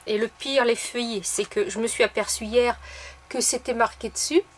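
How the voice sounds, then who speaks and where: A woman hosting a casual crafting tutorial, explaining each step in a chatty way with soft fillers. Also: fairly high pitch, fairly even intonation, normal speed. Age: adult. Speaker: craft video host.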